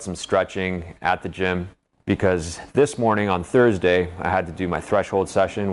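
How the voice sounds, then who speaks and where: A man talking through his training in an explanatory vlog monologue. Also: sits low. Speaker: vlogger documenting 10k race training.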